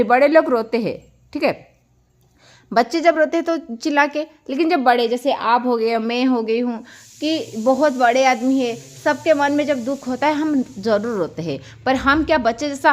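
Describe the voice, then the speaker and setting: A young woman from India teaching English grammar online, explaining word pairs warmly to viewers she calls children. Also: sits high.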